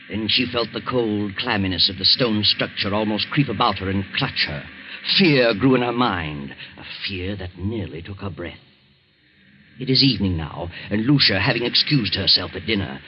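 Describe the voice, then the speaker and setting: Actor playing the Whistler, sinister low-voiced narrator. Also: male voice, lively intonation, normal speed, slight background noise, lightly acted. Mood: ominous. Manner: ominous, theatrical storytelling. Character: the Whistler, sinister all-knowing male mystery narrator. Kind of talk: 1940s radio mystery narration. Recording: muffled vintage 1940s radio recording. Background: eerie music.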